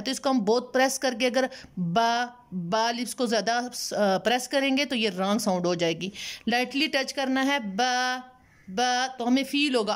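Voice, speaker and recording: A woman teaching Quran recitation, explaining each letter's sound patiently, repeating sounds and slipping in English terms, with speech. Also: a little high. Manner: slow drawn-out chanting for letters and prayers. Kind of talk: tajweed lesson, explaining letter pronunciation.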